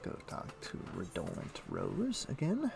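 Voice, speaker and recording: With music playing underneath, this livestream host chats casually about his game, his low, gravelly voice swinging hugely in pitch at a measured pace. He rambles and thinks aloud, dropping in mild, old-fashioned expressions.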